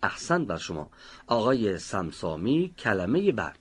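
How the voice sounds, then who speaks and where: A man teaching Quran recitation, explaining how to pronounce a letter and slowly sounding out example words. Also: on the low side, very animated, breathy edge. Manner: slow, deliberate pronunciation of example words. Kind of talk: instructional lesson. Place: recording studio.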